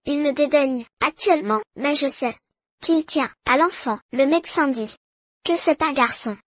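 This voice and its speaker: A scheming adulterous noblewoman in a French drama dub. She speaks high and slowly in a coaxing tone. The sound is dry and close. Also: no echo. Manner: pleading, coaxing. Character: scheming unfaithful noble wife, pregnant.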